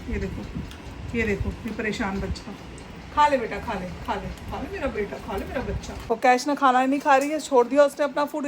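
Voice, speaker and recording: A woman's voice: on the high side, a little hiss or hum, rough recording. A woman talking to her sick pet in a casual vlog, with doting baby talk. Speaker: pet vlogger. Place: outdoors and at a vet clinic.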